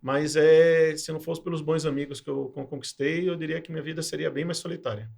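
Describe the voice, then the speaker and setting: A man from in his forties, speaking. He talks in a reflective, hesitant way, filling pauses as he recalls his path. His voice sits a little high. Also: fairly even intonation, vocal fry, a little mellow. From Pernambuco, Brazil. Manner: reflective, hesitant with many fillers. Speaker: guest, cybersecurity sales professional. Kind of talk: casual interview talk.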